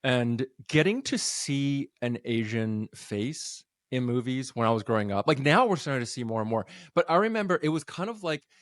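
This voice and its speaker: A man hosts a casual interview podcast, his pitch swinging widely as he talks. He sounds upbeat and laughs easily. The sound is dry and close, with no room around it. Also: normal speed, few pauses, no room sound. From North America. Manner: animated, laughs often, upbeat. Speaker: podcast host.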